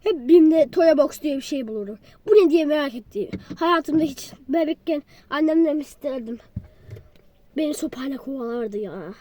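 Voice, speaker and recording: A woman vlogging from inside a car, chatting to her viewers in a loud, teasing and crude way, with sudden yells and mumbled asides. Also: high-pitched, expressive, moderate pace. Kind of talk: casual vlog chat to viewers.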